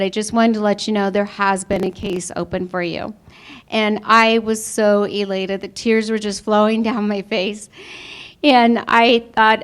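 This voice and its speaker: A woman giving an earnest personal testimonial to an audience, her voice sometimes tearful. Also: a little high. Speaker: insurance member giving a testimonial. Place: before a live audience.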